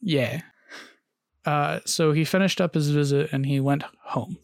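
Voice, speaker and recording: Gravelly man hosting a podcast. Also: on the high side, fairly even intonation, measured pace, no echo, clean studio sound. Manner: hesitant, frequent "uh" and restarts, reads long quotes aloud. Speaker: podcast host. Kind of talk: casual storytelling podcast.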